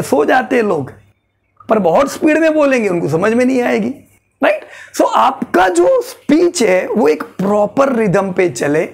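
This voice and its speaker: A man leads a presentation-skills lesson in a mix of Hindi and English. His voice sits fairly high with a gravelly edge. He jumps up and down in pitch to act out emphasis and checks in with his listeners constantly. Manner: animated, demonstrates delivery by shifting pitch and emphasis, frequent "right?". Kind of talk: Hindi-English mixed lecture.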